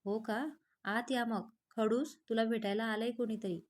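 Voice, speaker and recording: A woman reads a playful, innocent young woman in a story. She is cheeky and teasing. The voice is a little high. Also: fairly even intonation, normal speed, natural voice.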